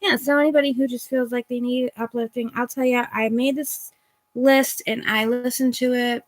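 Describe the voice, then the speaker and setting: A woman's voice: fairly high pitch, steady tone, normal speed. A woman tarot reader chatting casually on a home livestream, rambling with ums and self-corrections. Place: at home at a computer. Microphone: phone or computer mic.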